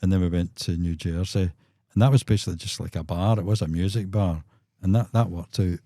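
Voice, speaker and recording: Brief: Glaswegian musician in his sixties, dark low voice, spins anecdotes and acts out quotes. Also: a little fast, dry recording, clean studio sound. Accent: Scottish, Glaswegian. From Scotland. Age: 60s. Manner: chuckling raconteur, acts out quotes. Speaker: musician guest. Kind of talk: anecdotal storytelling in a podcast.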